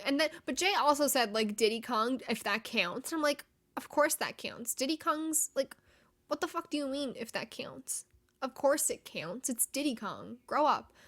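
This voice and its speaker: A young woman hosts a casual gaming chat, her voice sitting slightly high. She talks with bubbly excitement, swears freely and breaks into laughs often. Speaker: gaming show host.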